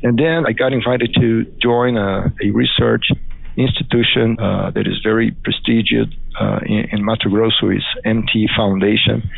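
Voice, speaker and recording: Speaking English as a second language, this guest, a crop scientist from Brazil in middle age, stumbles through interview answers full of fillers and restarts, his Brazilian Portuguese accent clear. He has a lowish, gravelly voice with fairly even intonation at normal speed, heard on dry, phone-like audio.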